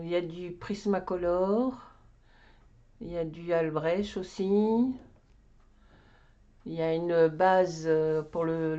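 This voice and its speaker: A craft vlogger gives a casual show-and-tell of her coloring books, rambling and talking to herself while she hunts for things. Her voice is on the low side with a dark tone, and the sound is lo-fi.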